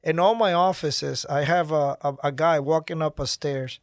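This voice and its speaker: A middle-aged man speaking as a guest in a podcast studio interview, talking with energy and animated conviction. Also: a little high, moderate pace, no echo. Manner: energetic, gestures while talking. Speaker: guest, nonprofit founder. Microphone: studio mic on boom arm.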